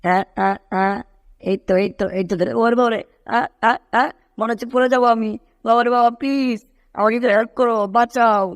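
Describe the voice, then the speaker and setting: A man's voice: high voice, monotone, normal speed, gravelly, no echo. A man voicing Tom, a clumsy panicky cartoon cat who frets and yelps. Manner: panicky exclamations, pleading.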